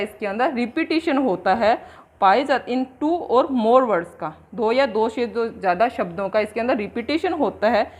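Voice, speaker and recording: Indian woman teaching at a slow dictating pace. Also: fairly high pitch. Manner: explains in Hindi mixed with English, slowly dictating definitions word by word. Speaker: English exam coaching teacher. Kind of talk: classroom lecture.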